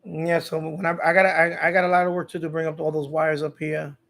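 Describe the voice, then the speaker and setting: Talking fast in a flat delivery, this man has a slightly high, fairly bright voice with vocal fry. He's hosting a laid-back live stream for a radio hobby channel, rambling informally to his chat and often repeating his phrases.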